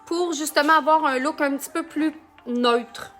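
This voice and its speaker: A woman's voice: high voice, normal speed, fairly bright tone, faint music behind. A woman from Canada with a Quebec French accent, giving a chatty live makeup tutorial and greeting viewers by name. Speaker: makeup consultant. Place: home, under a ring light.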